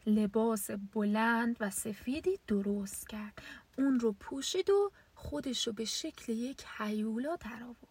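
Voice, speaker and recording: Woman reading a children's animal story in a high, soft, breathy voice; dry, distant mic.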